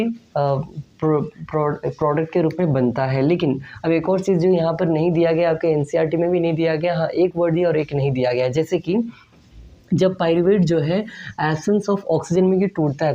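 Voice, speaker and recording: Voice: mid-range voice, warm tone, highs cut off. A teacher giving an online class lesson who asks questions and answers them, stretches out key terms and says "okay" often. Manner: explains at a board, asks and answers own questions; slow drawn-out stress on key terms, frequent "okay".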